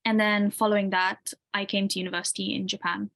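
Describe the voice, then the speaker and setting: With a gravelly, mid-range voice and a fairly quick delivery, a UK woman in her twenties who grew up in Tanzania fields interview questions. The university student stays relaxed, leaning heavily on "like" and "um" fillers.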